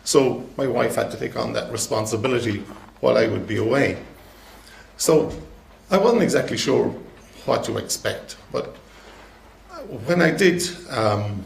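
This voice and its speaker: A man in his fifties with a west of Ireland accent and heavy creak in his voice. He speaks off the cuff in a down-to-earth, halting way, telling of his own experience. The room is echoey, with faint noise behind him. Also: mid-range voice. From Galway, west of Ireland. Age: 50s. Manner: halting, plain-spoken, down-to-earth. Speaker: citizen member speaking at a public meeting. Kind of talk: unscripted personal testimony to an audience.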